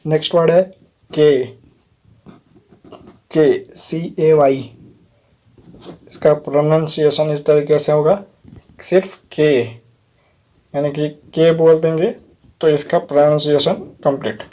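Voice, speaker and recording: This vocabulary lesson comes from a man whose voice is a little high and darkish, slow and fairly even, with frequent pauses. He spells English words letter by letter, explains each patiently, and keeps checking in with "theek hai."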